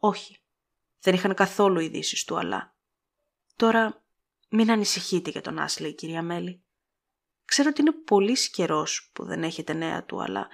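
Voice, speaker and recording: A woman's voice: lowish voice, gravelly. A woman voicing an earnest, well-meaning middle-aged man who explains things with mild reproach in an audiobook.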